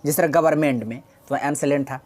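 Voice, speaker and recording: Low-voiced woman teaching English. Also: fast talker, a little mellow. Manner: explains patiently, repeats key words, asks and answers own questions. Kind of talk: exam-prep English lesson.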